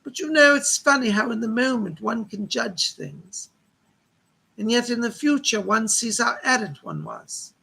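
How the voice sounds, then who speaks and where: Seance medium channeling, man playing a cultured gentleman spirit, chatty, polite, reminiscing, husky, bright. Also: extremely high pitch, lively intonation, measured pace, full character voice, poor audio. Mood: genial, musing. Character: chatty cultured gentleman spirit guide, London art patron.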